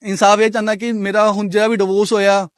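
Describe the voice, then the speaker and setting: A man's voice: sits high, flat delivery. A young man from Punjab, India, giving an insistent, repetitive account as the complainant in a street interview. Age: young adult. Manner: rapid, repetitive, insistent telling.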